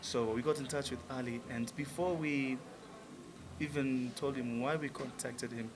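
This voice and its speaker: A man's voice: mid-range voice, fairly even intonation, moderate pace, noisy background. A man in his thirties from Tanzania, a musician being interviewed, talking casually and enthusiastically with many fillers in a restaurant lounge. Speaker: musician guest. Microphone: table mic on stand.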